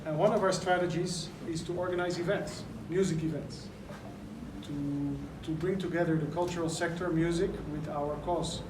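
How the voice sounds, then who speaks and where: At a press conference in a large indoor venue, a Dutch event organizer lays out his points earnestly and step by step, his voice a little high for a man. He speaks at a moderate pace with fairly even intonation. The recording is echoey and noisy, with the mic far from him.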